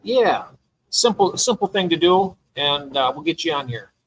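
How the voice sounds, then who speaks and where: A man's voice: on the high side, expressive, moderate pace, a little hiss or hum, poor audio. A man hosting a casual livestream chat, enthusiastic and talkative, often trailing off mid-thought. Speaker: livestream host.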